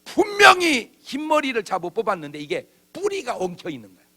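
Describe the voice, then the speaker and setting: A man's voice: extremely high pitch, huge pitch swings, a little fast, pushed and bright, slightly rough. A man preaching a revival sermon in a church, with humor and acted-out bits of dialogue. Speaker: pastor. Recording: old church video.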